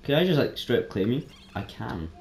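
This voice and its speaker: A man giving casual, chatty let's-play commentary as a game streamer, excitable and prone to sudden startled yelps. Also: mid-range voice, a little fast, vocal fry. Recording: roomy echo, faint noise.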